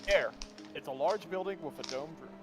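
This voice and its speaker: A man's voice: a little high, normal speed, over music. A man playing in a co-op game session, cracking jokes and laughing at them. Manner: wisecracking, laughs at own jokes. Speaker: player. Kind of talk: casual co-op game play, reading lines.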